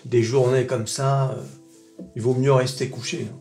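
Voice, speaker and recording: A man hosting a casual stock market video, talking familiarly to his viewers in an animated, joking way with mock-dramatic exclamations. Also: medium pitch, normal speed, soft background music. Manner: talks familiarly to his audience.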